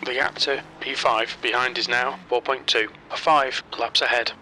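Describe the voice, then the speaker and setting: Male voice, terse pit radio calls, sharp bright tone, faint background noise, clipped updates. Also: mid-range voice, a little slow, rough recording. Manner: clipped, flat reporting of gaps and flags. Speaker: automated race engineer callouts.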